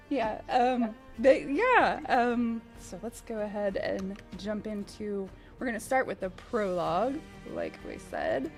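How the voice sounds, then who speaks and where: A woman's voice: mid-range voice, wildly swooping pitch, faint music behind. A woman hosting a live game stream. She is easygoing and laughs often while she plays and explains. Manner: giggly, easygoing, unhurried. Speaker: stream host.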